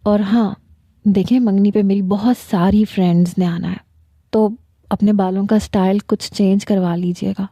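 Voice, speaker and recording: A woman voicing a giggly, teasing young bride-to-be in a storybook novel, lifting her voice higher than her narration. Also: steady tone, mellow, no room sound, close to an everyday voice.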